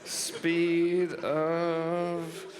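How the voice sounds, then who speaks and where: A man's voice: fairly high pitch, monotone, drawn-out words, long reverb tail, crowd noise. A man presenting at a marketing workshop in a loose, jokey and profane way, laughing at his own gags. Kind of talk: joking seminar talk. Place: event room stage.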